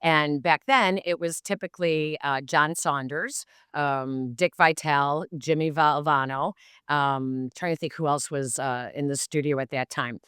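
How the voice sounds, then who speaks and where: A woman's voice: low-pitched, a little slow, smooth, no room sound, clean studio sound. A woman in her fifties, a sports broadcaster guesting on a podcast, tells rambling stories with lots of fillers. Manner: animated, rambling with many fillers. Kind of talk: casual anecdotal storytelling.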